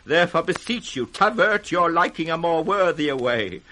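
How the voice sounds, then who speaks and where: A man's voice: a little high, lively intonation, moderate pace, pushed and bright. An actor playing an aging, proud and wrathful British king in a classical radio drama, declaiming imperiously. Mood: contemptuous fury. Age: older.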